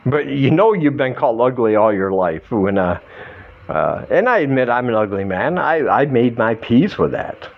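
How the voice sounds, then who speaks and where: A middle-aged American man from Michigan, slightly drunk, rambling through a halting, self-deprecating comic monologue as a vlogger. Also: mid-range voice, big pitch swings, creaky, narrow, tinny audio. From Michigan, United States.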